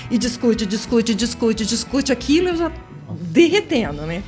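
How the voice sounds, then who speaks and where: Animated woman telling a story. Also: a little high, normal speed, faint music behind. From Brazil. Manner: lively anecdote teller, laughs often, acts out the people in her story. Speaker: interview guest, writer and singer. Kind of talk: storytelling in a radio talk show interview.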